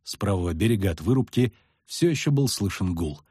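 Husky guy reading an audiobook, lively dramatic delivery, dry close mic. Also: low-pitched, a little fast, no echo. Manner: dramatic, expressive storytelling. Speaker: audiobook narrator. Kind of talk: audiobook narration.

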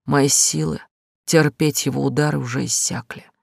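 A woman narrating a first-person romance novel as an audiobook, slow, emotional and pained. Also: rumbling low, steady tone, gravelly, breathy edge, no echo, clean studio sound.

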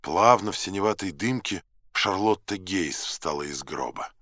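Close to the mic in a dry, echo-free recording, a man narrates a novel in the first person as an audiobook reader. His low voice is expressive and fairly bright, delivering the text in a measured, dramatic way tinged with irony.

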